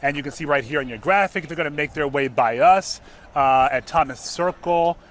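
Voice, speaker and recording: An American man with a fairly high voice gives live parade commentary as a co-anchor. He explains things informally and conversationally. Faint outdoor city and traffic noise sits behind him. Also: moderate pace, a bit bright.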